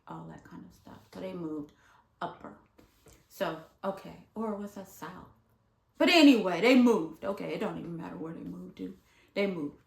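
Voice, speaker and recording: A woman vlogger telling a story from her school days in a casual, animated way, jumping high in pitch when she quotes people. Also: vocal fry, echoey room.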